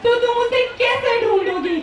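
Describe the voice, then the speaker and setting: A woman's voice: extremely high pitch, unhurried, slight background noise, pitched above the performer's own voice. A girl giving a speech voices a loving father who comforts his worried wife, delivered as a dramatic recitation over an echoey public address from far off. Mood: reassuring. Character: loving father, then anxious husband.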